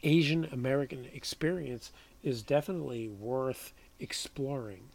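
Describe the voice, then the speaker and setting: A man's voice: mid-range voice, moderate pace, vocal fry, darkish tone. A man co-hosting a casual movie-awards podcast, chatty, sometimes dropping into a mumble. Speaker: podcast co-host. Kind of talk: casual film-awards chat.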